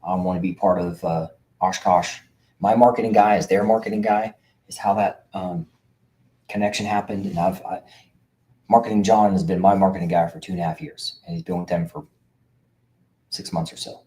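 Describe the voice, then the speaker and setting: A man's voice: deep voice, fairly even intonation, moderate pace, pauses often, warm tone. A middle-aged man hosting a show for veterans, talking casually to camera in an emphatic, preachy way, repeating himself with lots of uhs. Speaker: veterans' benefits coach and show host. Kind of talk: casual direct-to-camera monologue.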